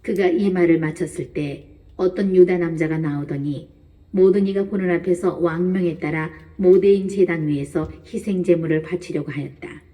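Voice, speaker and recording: A woman narrating a Bible reading in a calm, measured way. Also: lowish voice, far from the mic.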